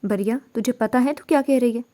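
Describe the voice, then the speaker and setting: Woman voicing an elderly mother-in-law, gentle, coaxing, mellow tone. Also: a little high, natural voice.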